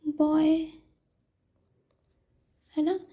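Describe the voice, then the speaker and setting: A woman teaching English pronunciation in a mix of Hindi and English, sounding out example words slowly and checking in with her listeners as she goes. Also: high voice, little pitch movement, dark tone. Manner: explains step by step, slows right down to sound out example words; checks in often with "ठीक है" and "okay". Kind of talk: classroom lesson, mixing Hindi and English.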